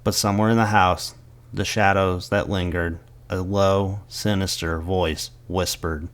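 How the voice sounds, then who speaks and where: Deep-voiced man narrating a horror story. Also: steady tone. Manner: dramatic, measured storytelling delivery.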